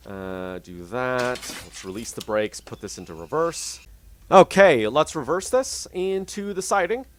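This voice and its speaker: A man's voice: fairly high pitch, a little hiss or hum. A man hosting casual gameplay commentary on a train simulator, chatting, thinking aloud and talking to his train while he has the hiccups. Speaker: gaming channel host.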